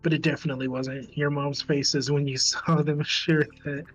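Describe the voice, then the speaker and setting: A man's voice: fairly high pitch, level tone, normal speed, highs cut off, soft background music. A man streaming a visual novel, reading its narration aloud in a casual way, often breaking off to laugh and swear.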